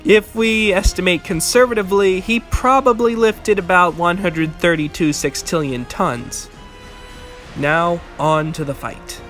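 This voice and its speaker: A man's voice: high voice, measured pace, over music. A man delivering scripted rebuttal commentary in an argumentative, corrective, matter-of-fact way. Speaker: video essayist and commentator.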